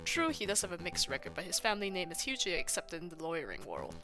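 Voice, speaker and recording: Woman voicing a male wolf private eye, calm, courteous, measured delivery, bright tone, game dialogue. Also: fairly low pitch, faint music behind, heavily acted.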